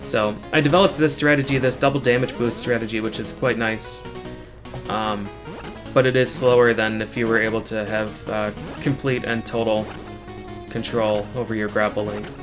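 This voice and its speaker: A man giving casual speedrun commentary as the runner, explaining technical details in a matter-of-fact, halting way. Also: on the low side, steady tone. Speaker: speedrunner commentating on own run. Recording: game music playing behind the voice. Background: video game music.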